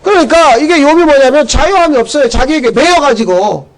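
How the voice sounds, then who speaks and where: A man's voice: extremely high pitch, expressive, fairly quick, rough recording. A man pastor preaching a sermon, emphatic and full of rhetorical questions, telling stories to make his point.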